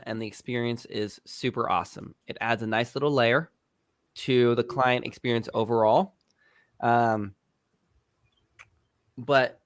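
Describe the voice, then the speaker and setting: A man's voice: medium pitch, a bit bright, dry recording. A man hosting a casual team meeting, easygoing and upbeat, laughing often.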